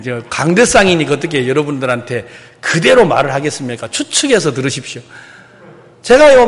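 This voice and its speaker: A middle-aged male pastor preaching a sermon, telling a story with loud outbursts and hushed asides. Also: high voice, in a large hall.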